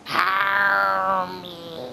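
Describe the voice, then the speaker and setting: A man doing a creaky demonic possessed woman. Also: high voice, level tone, pushed and bright, voice pushed up, full character voice. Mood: pleading, demanding. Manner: drawn-out, menacing, pleading lines. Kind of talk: gaming chat with friends.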